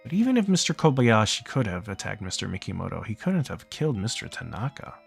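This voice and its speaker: A man's voice: lowish voice, big pitch swings, fast, vocal fry, soft background music. A man reading a visual novel's text aloud for a let's play, narrating plainly and stopping now and then to joke and laugh. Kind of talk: reading game text aloud with casual asides.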